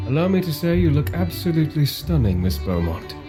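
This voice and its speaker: A woman voicing a polite young gentleman suitor who is courteous and slightly flustered. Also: deep voice, sing-song, normal speed, over music, pitched below the performer's own voice.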